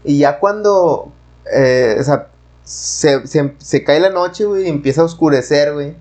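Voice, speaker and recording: A man's voice: on the high side, a little slow, a little mellow. A man with a Mexican Spanish accent casually telling a story in a rambling, slang-heavy way full of fillers.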